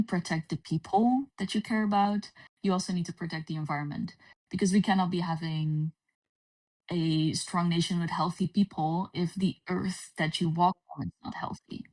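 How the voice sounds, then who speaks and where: A Dutch woman chatting casually on a livestream, her voice echoing distantly as if in a cave. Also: on the low side. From Netherlands. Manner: casual, relaxed talk with frequent pauses. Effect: distant cave-like echo on her voice. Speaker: livestream guest. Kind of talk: casual chat. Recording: distant, echoey stream audio.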